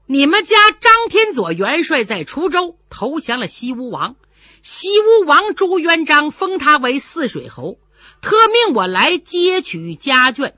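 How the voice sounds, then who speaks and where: A woman's voice: high voice, big pitch swings, a little slow, sharp tone, no echo, pitched above the performer's own voice, heavily acted. A woman voicing a strong, confident male general who talks in a boastful, mocking way. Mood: lecturing. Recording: dull lo-fi recording.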